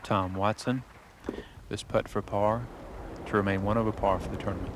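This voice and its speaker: A man with a fairly low, flat voice serves as a golf commentator, describing shots briefly. It comes from a noisy 1980s outdoor broadcast. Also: normal speed.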